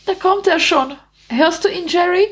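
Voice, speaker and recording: A woman voicing a cheeky, gossiping male street rat in an audiobook reading, in a high, mocking voice. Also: normal speed. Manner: indignant, mocking, high squeaky voice.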